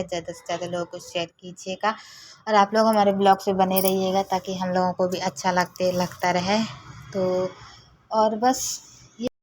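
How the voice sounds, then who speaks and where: A woman's voice: mid-range voice, dry recording. A woman, chatting casually to her viewers in a home vlog. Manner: chatty, talks straight to viewers. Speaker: vlogger.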